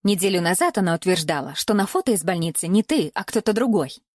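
A woman's voice: lowish voice, expressive, fast, darkish tone, no room sound, clean studio sound. A woman reading an audiobook and voicing a prim, scolding middle-aged mother with a barely hidden edge of hysteria. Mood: dismissive. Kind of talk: audiobook character voice.

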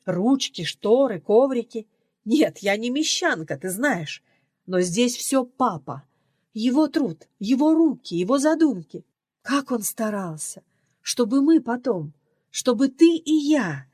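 A woman reading an audiobook, voicing an indignant middle-aged mother who scolds her daughter in loud, rising outbursts, recorded dry and close. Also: fairly high pitch, dry recording.

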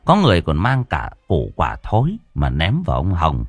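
A man narrating a ghost story in a dramatic, expressive way. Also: deep voice, moderate pace, slightly rough, dry recording. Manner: dramatic, expressive storytelling with coarse folk curses.

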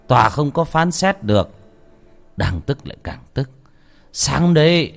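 Man, low voice, very animated delivery, horror story narration, faint background music. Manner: dramatic, shifting pitch for tension.

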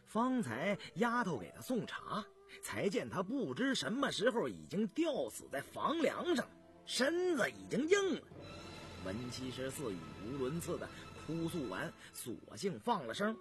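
A man narrates a historical tale in a dramatic storytelling voice, his pitch swinging widely from line to line. He moves between hushed passages and emphatic ones, with faint music playing behind him. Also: wildly swooping pitch, measured pace.

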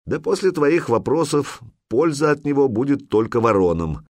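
A man's voice: mid-range voice, normal speed, dry recording, clean studio sound, pitched above the performer's own voice. A man doing a commanding Viking jarl. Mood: calm. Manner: commanding, calm and serious. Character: cunning Viking chieftain, serious and commanding.

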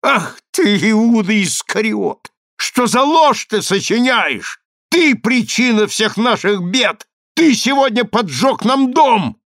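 Guy doing a high shrill angry young woman, spiteful and scornful, dry close reading. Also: lively intonation, measured pace, hardly any pauses, fairly bright tone, dry recording. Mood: furious.

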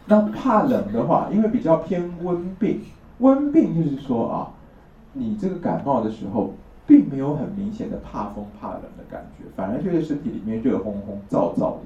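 Man lecturing in a lively voice, from far off. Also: mid-range voice, moderate pace, slight background noise. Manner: explanatory, often asks "right?" for agreement. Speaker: traditional Chinese medicine teacher. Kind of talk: classroom lecture. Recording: distant roomy lo-fi lecture recording.

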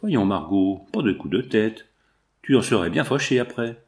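A man's voice: lowish voice, animated, normal speed. A man voicing a self-assured Parisian man-about-town, jovial, coaxing and bluff.

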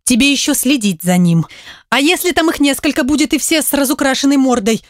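A brash young woman yelling rudely into the phone, her voice pitched high and sharp with impatience, as a woman narrator puts her on. The reading sounds close and dry, as in an audiobook studio. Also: animated, brisk, dry recording. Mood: shouting, irritated. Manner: shouting, rude and impatient.

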